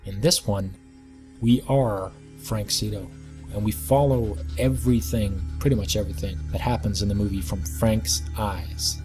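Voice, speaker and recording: A young man giving an enthusiastic, rambling movie review, stacking adjectives and repeating words for emphasis. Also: on the low side. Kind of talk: casual video review.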